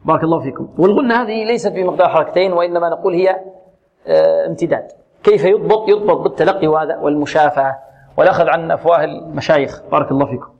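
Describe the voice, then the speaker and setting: A man teaching Quran recitation, modelling letters and syllables slowly and repeating them, and posing questions to his students. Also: fairly high pitch. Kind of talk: tajweed lesson with recited examples. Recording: muffled lo-fi recording.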